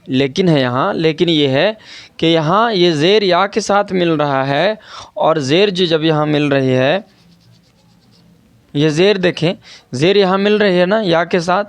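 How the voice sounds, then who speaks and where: A man's voice: sits high, a little slow, dry recording. A man teaching an online Quran reading lesson, patiently repeating and stretching out syllables and asking his students rhetorical questions.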